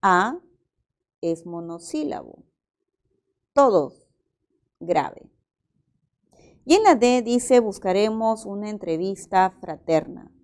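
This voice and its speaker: A woman's voice: medium pitch, lively intonation, takes it slowly, pauses often, a little mellow. A woman teacher, working methodically through exam-prep language exercises and explaining each example aloud.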